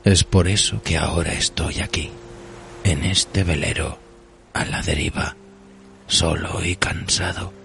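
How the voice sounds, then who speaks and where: An ancient, weary cursed treasure drifting at sea, voiced by a man reciting a poem. The voice is very deep and gravelly, unhurried and solemn, sometimes sinking to a near-whisper. Soft music plays behind it. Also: steady tone, exaggerated voice. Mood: brooding. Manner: slow, solemn, at times hushed to a whisper.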